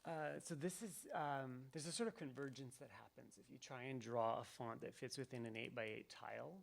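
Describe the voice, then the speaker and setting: A game developer giving live commentary to an audience, talking in a thoughtful, rambling way with many ums and restarts. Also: male voice, mid-range voice, moderate pace, vocal fry. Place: event venue with audience.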